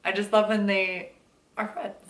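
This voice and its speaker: A woman's voice: medium pitch, little pitch movement, unhurried. Chatty young woman in an echoey room. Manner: bubbly, chatty, with slangy asides and laughs. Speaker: book vlogger. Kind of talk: casual vlog chat. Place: home, indoors.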